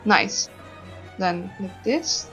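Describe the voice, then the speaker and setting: A woman's voice: medium pitch, expressive, very slow, a bit bright, faint music behind. A woman playing in a tabletop game, offering help with the rules. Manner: helpful, rules-minded. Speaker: player. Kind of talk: casual chat during a tabletop game. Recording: slightly dull, lo-fi.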